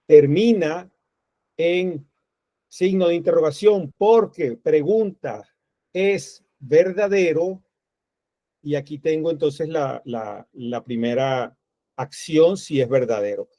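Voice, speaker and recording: A man walks through a coding tutorial at an unhurried, deliberate pace, stopping often to think aloud as he types. His voice is on the higher side for a man but mellow and dark in tone. The recording is dry and a little dull, with a lo-fi edge. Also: no echo. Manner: slow, thinking aloud while typing code. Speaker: programming teacher.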